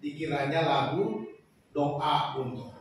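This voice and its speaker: A man preaching a lively sermon as pastor, acting out quotes and rising to shouts. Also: fairly high pitch, slow pace. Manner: animated, shouting peaks, acts out quotes. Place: large church hall. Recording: echoey hall from far off, faint noise.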